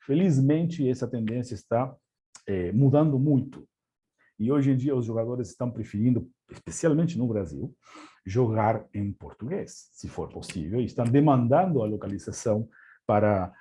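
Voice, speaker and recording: Delivering a webinar with an Argentine accent, this native Spanish-speaking man from Argentina frequently hesitates, using many fillers and repeating words. He sounds mid-range and dark in tone, expressive, and speaks at a normal pace.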